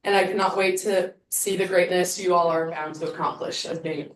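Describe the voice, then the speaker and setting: A woman's voice: on the low side, fairly even intonation, normal speed, a little hiss or hum. A woman in her twenties, a swim team captain, giving a heartfelt farewell speech and trying not to cry. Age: 20s. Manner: heartfelt, fighting back tears. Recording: roomy, from a distance.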